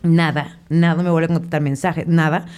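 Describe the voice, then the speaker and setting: A woman's voice: low voice, fairly quick, clean tone. A young woman with a Mexican Spanish accent, co-hosting a casual podcast chat and telling stories with lots of slang and laughter. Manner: animated storytelling with slang and laughter. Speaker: podcast co-host.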